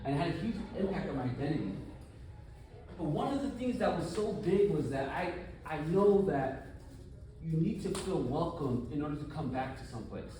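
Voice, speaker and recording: Male speaker, conference talk, lively and chatty, fairly high voice, heard from a distance in a reverberant hall. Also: moderate pace, slight background noise. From United States. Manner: animated, conversational, rhetorical questions. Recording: echoey room, from far off.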